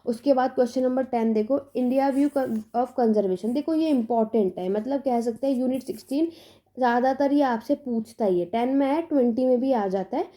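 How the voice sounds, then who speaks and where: Young female tutor, casual exam-tips lesson, insistent and reassuring, mellow and fairly high. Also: normal speed. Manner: emphatic, repetitive reassurance with "theek hai" checks.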